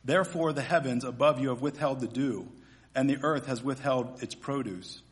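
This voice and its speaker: A man preaching a sermon at a pulpit microphone, reading scripture and praying in an earnest, measured way. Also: mid-range voice.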